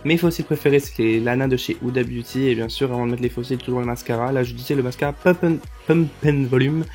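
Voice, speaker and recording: A man's voice: medium pitch, steady tone, racing, a little mellow, faint music behind. Chatty man narrating a makeup tutorial. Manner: chatty, stumbles and corrects his words. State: tired late at night. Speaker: makeup vlogger. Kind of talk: casual makeup tutorial voice-over.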